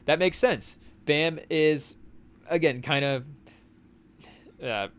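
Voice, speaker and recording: A man's voice: a little high, takes it slowly, a bit bright, clean tone. A young man co-hosting a podcast, talking basketball in a loose, rambling way with lots of fillers and asides to a live chat. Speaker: podcast co-host. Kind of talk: casual sports talk to a live chat. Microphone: studio mic on a live stream.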